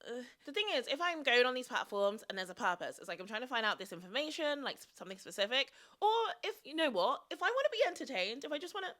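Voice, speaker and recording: A young woman vlogger chatting casually to her viewers in an animated, self-mocking way, with a slight vocal fry. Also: a little high, quick pace, hardly any pauses. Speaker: YouTube vlogger. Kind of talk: casual chatty vlog talk to camera.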